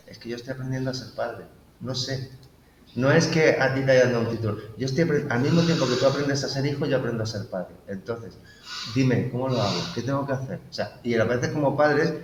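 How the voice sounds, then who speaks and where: A man's voice: mid-range voice, fairly quick. Reflective man, echoey room. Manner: reflective, uses quoted inner dialogue. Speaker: guest. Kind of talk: casual conversational interview. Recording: echoey room with faint noise.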